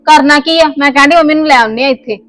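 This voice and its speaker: A woman whose voice is a little high and close to everyday speech plays a stubborn young wife, quick to argue, in a scripted family comedy skit. Speaking at normal speed over soft background music, she scolds insistently with her voice rising, and the mood is insistent and heated.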